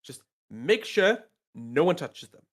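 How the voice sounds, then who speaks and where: A man's voice: on the high side, sing-song, slow, exaggerated voice. A game master voicing a wary, practical male rabbitfolk guard in a tabletop game, speaking in a matter-of-fact, cautionary way. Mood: cautioning.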